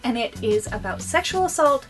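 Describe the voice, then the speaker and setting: A bubbly young woman chats through her favorite things for her vlog audience. Her voice sits high and bright, and she talks with eager, gushing enthusiasm. Faint music plays underneath. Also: animated, normal speed. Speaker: vlogger sharing favorites.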